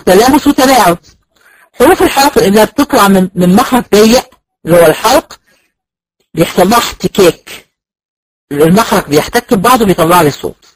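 Quick high-voiced Egyptian teacher. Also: male voice, no room sound, rough recording. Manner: explains step by step, asks and answers own questions, sounds out letters. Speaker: Quran recitation teacher. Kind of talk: recorded lecture.

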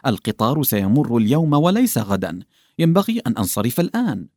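A man voicing an anxious young peasant wife who talks in hurried, fretful pleas. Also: medium pitch, big pitch swings, darkish tone, dry recording, clean studio sound.

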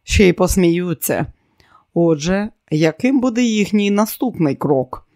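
A man voicing an arrogant, scheming man who is quick to rage, with a boastful, commanding way of talking. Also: high voice, lively intonation, mellow, no echo, studio quality. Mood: smug.

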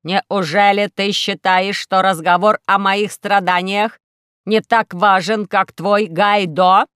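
A theatrical male robot, played by a woman narrator in a storybook recording. He declaims loudly and slowly, heavy with self-pity over his own suffering. The sound is dry and close. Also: medium pitch, steady tone, smooth, no echo. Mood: agitated. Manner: loud, slow, solemn declaiming. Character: dramatic male robot who longs to suffer.

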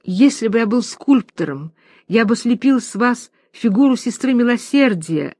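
A woman voicing a timid, lovestruck male professor who speaks softly and slowly, with breathless adoration. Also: very high-pitched, lively intonation, no room sound, voice pushed up, heavily acted. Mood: adoring. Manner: soft-spoken, drawn-out, breathless adoration.

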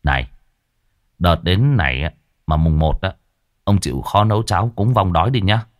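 A sly, unflappable young exorcist, as a storyteller puts him on, speaking low and easy with dry teasing. The recording is close and dry. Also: male voice, expressive, normal speed, no echo. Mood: sly calm. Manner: laid-back, dryly teasing.

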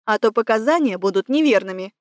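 A woman's voice: a little high, lively intonation, fairly quick, no room sound, clean studio sound, lightly acted. A woman voicing a stern male boss who gives curt, cold orders in an audiobook.

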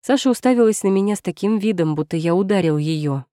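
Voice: medium pitch, lively intonation, quick pace, dark tone, no room sound, clean studio sound. An audiobook narrator reading a first-person romance in a tense, brooding, dramatic way.

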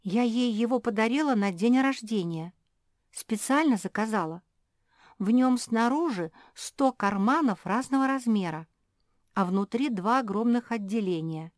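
A woman's voice: fairly high pitch, expressive, measured pace, no echo, clean studio sound, pitched above the performer's own voice. A woman playing a fretful chattering pug sister. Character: fussy worried female pug sister.

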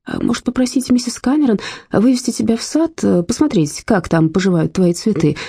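A woman's voice: mid-range voice, huge pitch swings, brisk, gravelly, warm tone, breathy edge, no echo, voice pushed up, exaggerated voice. A woman voicing a harried middle-aged man pleading with his elderly mother in a read-aloud story. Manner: pleading, strained.

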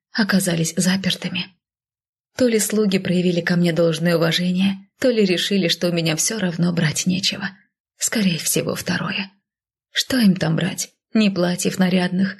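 A woman reading a first-person story aloud as an audiobook narrator, in a soft, often half-whispered way. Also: lowish voice, vocal fry, breathy edge.

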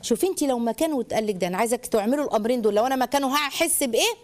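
Rapid-talking Egyptian woman lecturing on parenting. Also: a little high. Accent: Egyptian Arabic. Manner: animated, addresses listeners directly and acts out examples.

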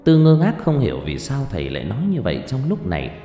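A man's voice: lowish voice, huge pitch swings, fast talker, dark tone. A man reading a horror story aloud as a scripted narration. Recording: roomy reverb with faint music.

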